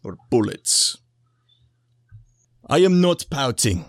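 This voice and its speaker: A man's voice: medium pitch, sing-song, slow, dry recording, studio quality, exaggerated voice. A man voicing a proud, brooding long-eared stranger in a tabletop game, speaking in a terse, formal, commanding way. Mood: defensive brooding.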